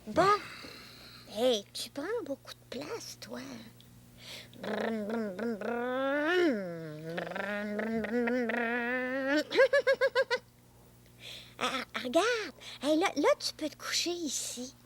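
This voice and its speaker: Little boy, high lively voice, slow talk, Québécois accent, bossy, makes car noises, woman acting. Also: a little hiss or hum, full character voice. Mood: playful. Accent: Québécois French. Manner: bossy, chatty, engine noises. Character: playful young boy with an imaginary friend. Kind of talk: children's TV acting.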